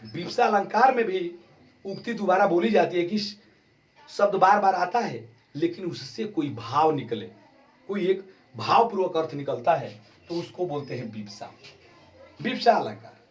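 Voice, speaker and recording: Male grammar teacher, slow and explanatory, drawing out key terms, recorded from a distant mic. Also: high-pitched, expressive. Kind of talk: exam-prep grammar lesson.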